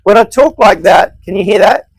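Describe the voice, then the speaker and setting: A high-pitched man speaks while a massage gun hammers against his body, so every word shudders and buzzes. He stays playful and chatty, hamming it up like a salesman, and the sound is close and dry with no room around it. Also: animated, moderate pace, slightly rough, no echo, rough recording. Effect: voice shaking and buzzing from a massage gun pressed against him. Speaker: home shopping presenter. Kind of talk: live product demonstration.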